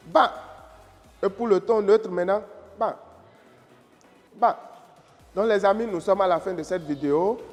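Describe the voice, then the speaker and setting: This African man, a Mandarin teacher and channel host, has a high, slightly mellow voice. Patiently, he works through a slow lesson demonstrating tones, going back over key phrases and making sure his listeners follow. Faint music plays in the echoing room.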